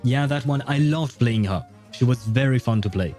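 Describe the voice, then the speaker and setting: Hosting a gaming livestream, a man with a dark, medium-pitched voice talks at a moderate pace, chatting casually and musing out loud in a rambling way. He laughs at his own jokes, and faint music sits behind him.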